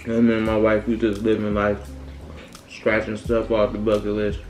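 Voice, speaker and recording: A man hosting a mukbang video, chatting casually to viewers while talking through a mouthful of food, with loud exclamations and slangy, profane talk. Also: fairly low pitch, monotone, moderate pace, slight background noise. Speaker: mukbang host. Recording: echoey room with faint music.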